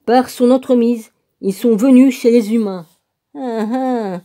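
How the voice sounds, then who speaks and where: A woman reads a religious text aloud at a slow, casual pace, spelling out names letter by letter and adding her own comments. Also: a little high, dark tone. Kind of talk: casual reading aloud with asides.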